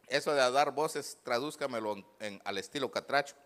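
A male pastor preaching a fervent sermon, swinging between shouts and low asides. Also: fairly quick.

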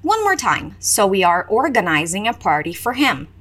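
A woman teaching English. She gives repeat-after-me drills, slows down to model English phrases, then explains them in Portuguese. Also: mid-range voice, big pitch swings, a bit bright, slightly rough.

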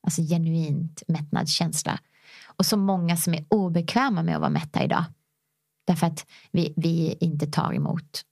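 A woman yoga teacher and coach in a casual podcast conversation, telling stories animatedly and acting out quoted voices, at times guiding slow breathing exercises. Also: sits low, expressive, creaky, a little mellow, no echo, clean studio sound.

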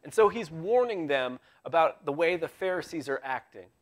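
A man preaching a live sermon in a church in a conversational way, with wry asides, swinging between loud emphasis and hushed tones. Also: fairly high pitch, lively intonation, normal speed. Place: church sanctuary.

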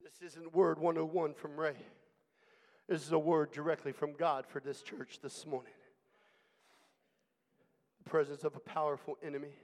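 A man's voice: a little high, flat delivery, normal speed, long pauses. A man preaching an impassioned church sermon as pastor, emphatic and declamatory, building on repeated phrases. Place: church hall during a service. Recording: long reverberant hall sound.

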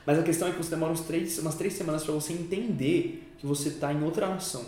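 A man hosting a casual podcast talks fast in slangy phrases and cuts in often with short agreements. He sits back from the mic, so his voice comes across somewhat distant. The room is strongly echoey, with a faint background hiss. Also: on the high side, dark tone. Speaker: podcast host.

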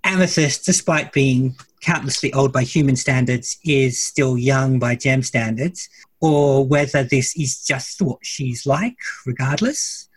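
A man co-hosting a casual fan discussion podcast, speaking in a measured, thoughtful way. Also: medium pitch, slightly rough, no echo. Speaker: podcast co-host.

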